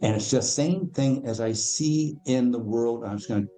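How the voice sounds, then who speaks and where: A man's voice: medium pitch, moderate pace, mellow, soft background music. A man, a podcast guest and financial educator, explaining in a casual interview, emphatic and acting out the people in his stories. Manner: emphatic storyteller, acts out quoted voices.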